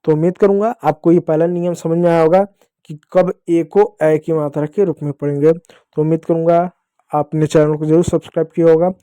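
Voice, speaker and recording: High-voiced man teaching phonics. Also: flat delivery, fairly quick, dark tone, clean tone, no echo. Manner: patient, repeats questions and answers them himself. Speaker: English teacher. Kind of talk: classroom-style phonics lesson.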